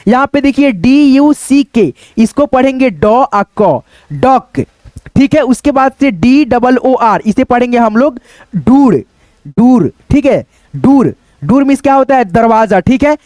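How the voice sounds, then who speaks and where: A man's voice: very high voice, expressive, unhurried, darkish tone, dry recording. A male teacher giving a spelling and pronunciation lesson at a digital board, often calling viewers his friends and asking and answering his own questions. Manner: calls viewers friends often, repeats each word, asks and answers himself. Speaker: English teacher. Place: classroom-style video at a digital board.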